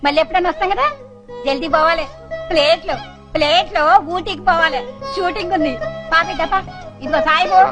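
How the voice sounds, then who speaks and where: A bossy mother rushes everyone along and tells her daughter to stop crying. Her voice is very high and quick, with music playing behind. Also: fairly even intonation. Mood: bossy hurrying. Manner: brisk and bossy. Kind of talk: feature film dialogue. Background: film music.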